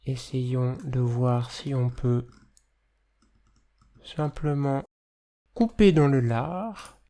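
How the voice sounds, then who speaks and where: Slow, mellow tutor with a slight lisp. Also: mid-range voice. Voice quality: slight lisp with hissy, slushy s sounds. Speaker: audio editing tutor. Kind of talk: instructional screencast narration, explanatory.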